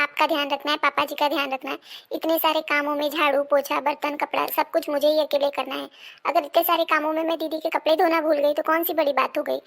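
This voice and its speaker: A woman's voice: high voice, gravelly, fairly bright tone. A woman playing an overworked young daughter-in-law who grumbles and defends herself in an amateur family drama.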